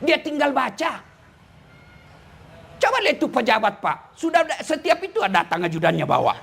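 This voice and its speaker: High-voiced joking Indonesian preacher. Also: male voice, a little fast, gravelly, slight background noise. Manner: animated, joking, teasing the audience directly. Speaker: Islamic preacher. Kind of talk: humorous sermon to a congregation.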